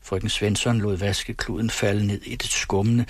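A man narrating a novel as an audiobook in a measured, steady way. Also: lowish voice, dry recording. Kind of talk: audiobook reading.

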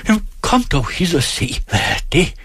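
A man voicing a crowd of poor, awestruck border peasants in a read-aloud story, calling out excitedly in wonder. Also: medium pitch, vocal fry, breathy edge, no room sound. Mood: amazed.

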